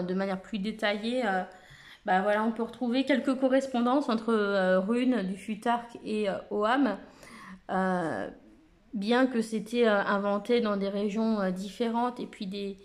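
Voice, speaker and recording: A woman casually presenting an oracle card deck, reading out lists of keywords with frequent hesitations and fillers. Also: medium pitch.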